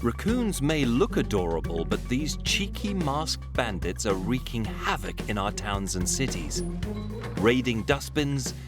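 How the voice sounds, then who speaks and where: Animated male nature documentary narrator over music. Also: medium pitch, measured pace.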